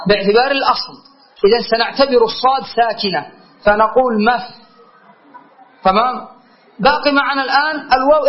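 Man, teacher, grammar lesson, repeats words, quizzes students, muffled old recording. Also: extremely high pitch. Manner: questioning, repeats key words. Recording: dull lo-fi lecture recording.

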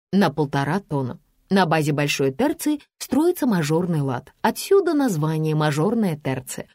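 A woman narrating a humorous story in the first person with expressive, ironic delivery. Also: medium pitch, dry recording, clean studio sound. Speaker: audiobook narrator.

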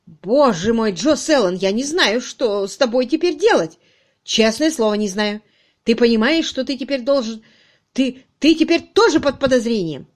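A woman reading an audiobook, voicing an angry male police inspector who shouts and scolds his subordinate. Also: on the high side, a little fast, close to an everyday voice. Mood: furious.

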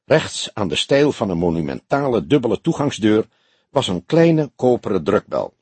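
A man reading a detective novel aloud in a measured storytelling manner. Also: on the low side, sing-song, a little mellow, slightly rough, no room sound. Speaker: audiobook reader. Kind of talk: scripted narration of a detective novel.

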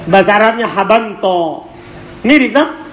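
A man's voice: high voice, expressive, a little slow. Male teacher in an echoey classroom with faint noise, reading a text and drilling students with questions. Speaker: teacher of Arabic morphology. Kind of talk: classroom lesson with call-and-response.

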